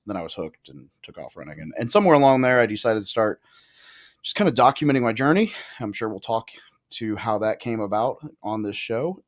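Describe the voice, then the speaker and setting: A man in his thirties, a podcast guest, talking in a casual, profane way with quick asides and restarts. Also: on the low side. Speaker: podcast guest, real estate investor. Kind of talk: casual conversational interview.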